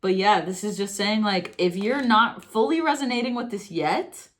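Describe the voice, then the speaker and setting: A young woman giving a casual tarot reading, excitable and gushing, often breaking into laughter. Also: medium pitch, moderate pace. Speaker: tarot reader.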